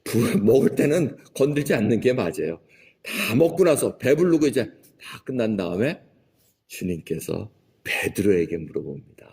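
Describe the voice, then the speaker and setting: A man's voice: fairly low pitch, sing-song, normal speed, creaky, darkish tone, husky. A male pastor giving a conversational sermon and acting out the quoted dialogue himself. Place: church sanctuary. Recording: long hall reverb.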